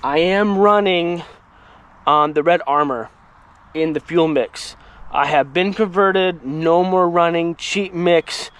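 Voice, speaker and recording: A talkative man with a voice pitched a bit high for a man hosts his own firewood channel. He speaks outdoors in a yard, walking through a saw demo in loose, casual chat full of rambling asides. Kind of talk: casual equipment demo vlog.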